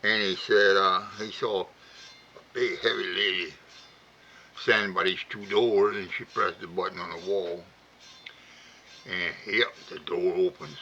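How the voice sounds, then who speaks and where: Cajun man, bright forceful low voice. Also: steady tone, a little slow, pauses often. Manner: colloquial dialect grammar, retells dialogue with 'he said'. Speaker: humorist telling jokes. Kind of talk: folksy comic storytelling. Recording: muffled lo-fi audio with faint noise.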